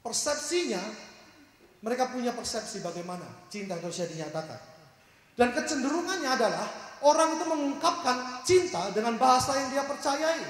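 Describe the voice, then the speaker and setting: Guy preaching in a big echoey hall, tells a story and quizzes the crowd, kinda high voice. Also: expressive, fairly quick. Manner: acts out characters in a story, asks the audience questions. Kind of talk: sermon with storytelling.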